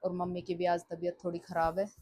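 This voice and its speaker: A woman's voice: lowish voice, completely flat delivery, fast talker, warm tone. A woman in her thirties, a mother, chatting casually to viewers about her chores in a daily vlog. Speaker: home vlogger and mother.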